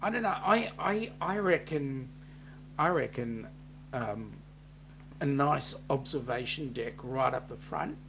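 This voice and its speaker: A man's voice: medium pitch, slow pace, vocal fry, slight background noise. A man with a New Zealand accent co-hosting a casual live chat, reading out viewer comments with plenty of ums. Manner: relaxed, reads out chat messages with filler ums.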